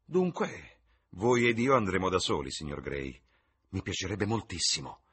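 A man playing a witty aristocratic dandy, husky and theatrical. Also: low voice, animated, normal speed, fairly bright tone, exaggerated voice. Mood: teasing. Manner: ironic, theatrical, declaiming epigrams. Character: witty languid aristocratic gentleman, playful and provocative.

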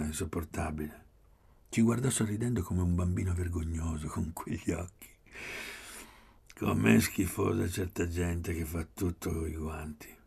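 Deep, gravelly male audiobook narrator. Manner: measured, often dropping to a soft, breathy near-whisper. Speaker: audiobook reader.

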